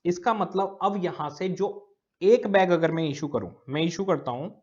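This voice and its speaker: A man's voice: high-pitched, normal speed, darkish tone, dull audio. A male teacher giving a recorded lecture. He explains step by step, repeating key words and often checking that students follow.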